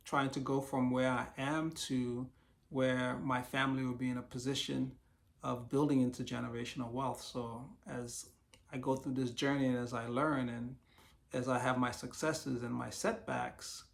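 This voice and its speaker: A man in a casual solo vlog, slightly hoarse from losing his voice, reflectively walking through a list of business ideas. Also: medium pitch, level tone, moderate pace. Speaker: YouTube creator sharing business ideas.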